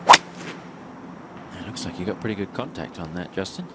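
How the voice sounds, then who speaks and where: A man's voice: low voice, lively intonation, a little slow. A man working as a golf commentator, analysing each shot live. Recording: noisy outdoor broadcast sound.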